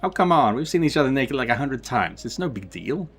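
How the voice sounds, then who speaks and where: A man's voice: mid-range voice, very animated, a little fast, fairly bright tone, faint music behind. A man voicing a playful, nosy older sister who wheedles and teases her sibling. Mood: teasing. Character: teasing affectionate older sister, young woman.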